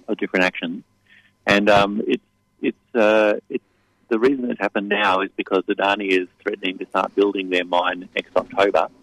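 Male activist guest on radio, deep gravelly voice, explanatory and loosely phrased. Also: a bit bright, no echo, poor audio. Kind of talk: radio interview.

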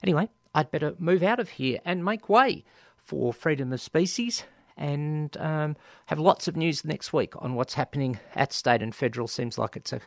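Chatty Australian radio host, gravelly voice. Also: male voice, on the high side, expressive, normal speed, dry recording, studio quality. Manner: chatty, hesitant with many ums, playful asides. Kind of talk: casual radio announcements. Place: radio studio.

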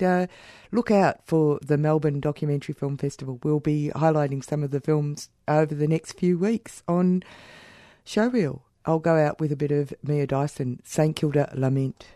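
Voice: mid-range voice, dark tone, no echo, studio quality. A community radio host interviewing a guest, eager, with short interjections.

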